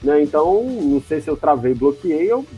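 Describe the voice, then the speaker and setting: A man's voice: a little high, sing-song, normal speed, dark tone, breathy edge, faint music behind, low-quality recording. A man hosting an interview, talking hesitantly and often adding tag questions. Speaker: interview host. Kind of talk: casual interview.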